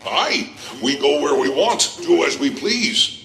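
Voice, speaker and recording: An actor playing a gruff, free-spirited old pirate sailor in a video game, with a salty, gravelly, unhurried delivery. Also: male voice, fairly high pitch, animated, pushed and bright, reverberant, full character voice. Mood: hearty, easygoing. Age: older. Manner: slow, salty old seafarer talk.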